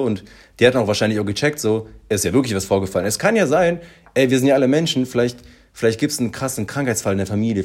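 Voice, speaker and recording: Fast-talking animated man. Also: mid-range voice. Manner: animated storytelling, acts out quoted voices, many fillers. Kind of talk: casual chat.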